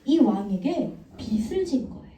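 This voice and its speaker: Woman preaching to little kids, mellow but bouncy voice, mic kinda far off. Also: on the high side, normal speed. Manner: animated, quizzes the children. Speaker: children's church evangelist. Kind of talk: children's sermon. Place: church room. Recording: echoey room, mic far off.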